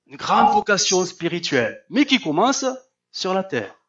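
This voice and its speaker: Animated male preacher, high lively voice. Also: measured pace, breathy edge. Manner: animated, acts out Bible voices, rhetorical questions. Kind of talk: sermon. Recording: slightly muffled recording.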